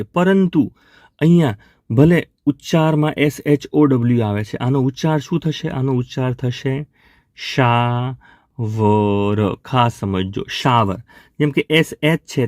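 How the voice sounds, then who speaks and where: A man's voice: medium pitch, darkish tone, dry recording, studio quality. A man teaching English vocabulary to Gujarati speakers, patiently repeating each word and counting down for his learners.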